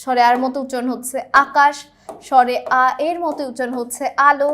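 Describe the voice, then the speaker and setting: A young woman with a high, light voice teaches a lesson. She explains each point patiently and keeps checking whether her students follow. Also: flat delivery, a little fast, fairly bright tone, slight background noise. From Bangladesh. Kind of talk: classroom lesson explaining exam questions.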